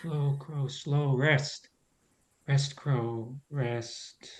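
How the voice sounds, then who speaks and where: Scarecrow: weary, gentle guardian, slow and measured, somewhat high, voiced by a man. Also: animated. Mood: hushed. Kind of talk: audio drama reading.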